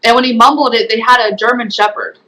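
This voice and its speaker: A woman's voice: on the high side, steady tone, quick pace, bright, forceful tone, poor audio. A young woman giving a personal testimony as an interview guest, retelling events earnestly with many fillers. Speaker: guest, former program resident.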